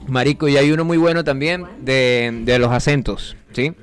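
A man's voice: medium pitch, moderate pace, soft background music. A man hosting a comedic radio show, telling anecdotes and acting out voices. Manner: joking, acts out voices in anecdotes.

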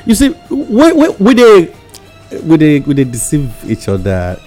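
A man's voice: fairly high pitch, huge pitch swings, a little slow, a little mellow, soft background music. A Nigerian man giving casual, emphatic radio commentary in English mixed with Nigerian Pidgin, often repeating himself as he goes. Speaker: radio talk show panellist.

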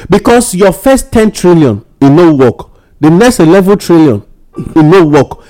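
A man's voice: fairly high pitch, lively intonation, unhurried, mellow. A man with a Nigerian accent giving his opinions in a casual discussion, mixing Nigerian Pidgin with English. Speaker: panelist on a news discussion show.

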